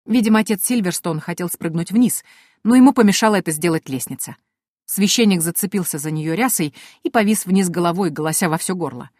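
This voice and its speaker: A woman narrating a first-person story as an audiobook, with a lively, expressive reading. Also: lowish voice, brisk, no echo, studio quality.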